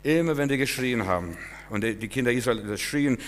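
A middle-aged pastor delivers a sermon with an emphatic voice. He swings between loud, pressing bursts and low, quiet asides. His voice rings out with a long reverb, as in a large church hall. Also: brisk.

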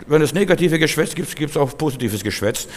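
A man preaching a sermon to his congregation, emphatic, repeating key words and swinging between loud outbursts and quiet asides. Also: fairly high pitch, lively intonation, quick pace. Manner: addresses listeners directly, repeats key words. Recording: long hall reverb of a church.

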